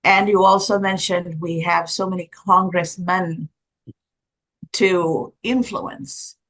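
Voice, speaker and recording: A woman from Sri Lanka, hosting an interview and making her points earnestly and deliberately. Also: lowish voice, fairly even intonation, a bit bright. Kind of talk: interview questions.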